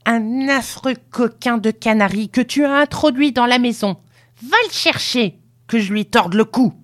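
A woman voicing a fierce, imperious old grandmother who barks orders in loud, shrieking outbursts. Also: sits high, sing-song, a little slow, voice pushed up, full character voice. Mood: furious, commanding.

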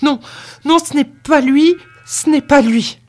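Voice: level tone, extremely slow, breathy edge, soft background music, heavily acted. A reader voicing a frightened young farm girl. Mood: desperate. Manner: pleading, rising to high cries.

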